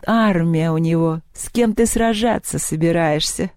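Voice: mid-range voice, unhurried, a little mellow, dry recording, studio quality, lightly acted. Чтец изображает насмешливую древнюю злодейку, язвительную и хитрую, мягкий тембр. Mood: mocking. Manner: mocking, giggling, sarcastic. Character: scheming ancient female villain Koschei.

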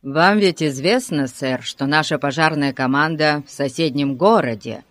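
A reader voicing a bossy village policeman who barks orders loudly, with no echo on the voice. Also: mid-range voice, moderate pace, voice pushed down, natural voice. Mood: stiffly polite. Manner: shouting orders. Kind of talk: audiobook character voice.

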